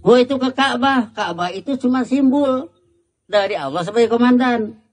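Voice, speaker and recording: A man's voice: very high-pitched, normal speed. A man preaching in a patient teaching manner, asking rhetorical questions and answering them himself. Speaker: Islamic preacher. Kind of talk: Indonesian religious lecture.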